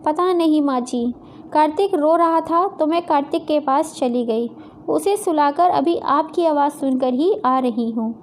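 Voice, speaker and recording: A woman's voice: high-pitched, unhurried, darkish tone, slight background noise. A woman voicing a meek, dutiful young daughter-in-law who speaks politely and worriedly.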